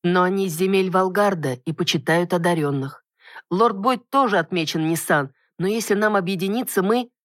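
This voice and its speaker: A woman's voice: lowish voice, normal speed, no echo, clean studio sound, close to an everyday voice. A reader voicing a firm, earnest young noble lady in an audiobook.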